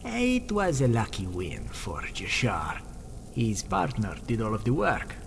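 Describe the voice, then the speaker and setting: Game casting: proud feline warrior, creaky voice, swooping pitch, formal manner. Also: male voice, huge pitch swings, measured pace, fairly bright tone, slight background noise, full character voice. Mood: pleased, hushed. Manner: formal, speaks of himself in third person. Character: proud, smooth, self-assured male cat-man pit fighter. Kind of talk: fantasy video game character dialogue.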